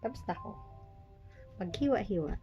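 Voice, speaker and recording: A woman's voice: mid-range voice, expressive, a little fast, warm tone, soft background music. A Filipino woman in her forties with missing front teeth chats casually and jokingly to viewers while preparing food, poking fun at herself. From Philippines. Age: 40s. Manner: jokey, self-deprecating. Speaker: vlogger. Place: small private room.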